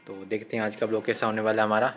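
A man's voice: fairly low pitch, little pitch movement, racing, fairly bright tone. A man, rambling casually to camera in a daily vlog, often starting his lines with "to". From India. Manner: chatty, repetitive, starts lines with "to". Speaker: vlogger. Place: outdoors by a house, then inside a small temple. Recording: dull lo-fi phone audio, faint background noise.

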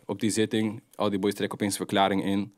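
A young adult man, a rapper guest telling street stories in animated, slang-heavy casual talk. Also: on the low side, fast, no echo, clean studio sound. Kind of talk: casual interview storytelling.

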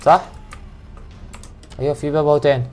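A man's voice: on the high side, level tone, fairly quick, darkish tone, faint music behind. A young man with an Egyptian accent commentating a horror game, joking and muttering prayers when startled. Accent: Egyptian Arabic. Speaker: gaming YouTuber.

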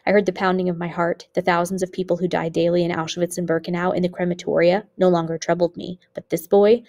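Woman teacher reading a book aloud, low voice w some vocal fry, steady pace. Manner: steady, measured reading with occasional small slips. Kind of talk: audiobook narration.

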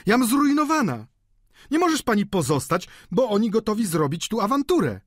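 A man reading an audiobook voices a fretful, wailing middle-aged landlady in a high, pleading voice. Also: very animated, normal speed, no echo, clean studio sound. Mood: panicked.

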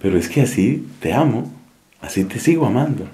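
Un hombre con acento colombiano que da voz a Dios como un padre tierno que perdona, con tono suave y tranquilizador. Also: male voice, medium pitch, lively intonation, fairly quick, pitched below the performer's own voice, close to an everyday voice. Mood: tender. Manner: gentle, reassuring. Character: tender forgiving father, God. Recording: echoey room.

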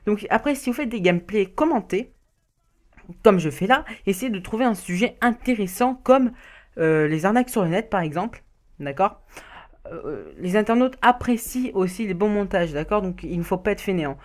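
A woman's voice: medium pitch, lively intonation, normal speed. A woman giving casual beginner tips as a voice-over, reading from notes, often stumbling, restarting and laughing at her own slips. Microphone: home recording mic.

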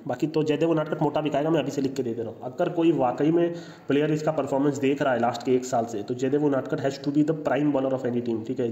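A man's voice: medium pitch, warm tone. A man giving casual, opinionated cricket commentary over slides, making confident predictions and dropping English phrases into his talk. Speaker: cricket analyst. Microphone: voice-over, no speaker seen. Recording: echoey, dull lo-fi room sound.

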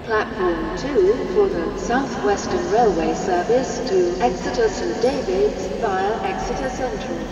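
A woman's voice: mid-range voice, unhurried, pauses often. A woman reading a scripted public announcement at a railway station, like an airport announcement. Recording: echoey, muffled, loud station noise. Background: railway station ambience.

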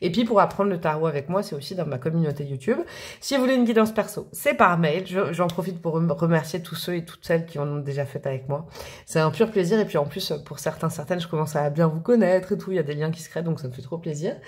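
A woman's voice: deep voice, fast talker, a little mellow. A woman doing a chatty, rambling tarot reading for her viewers, full of fillers and asides. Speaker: tarot reader.

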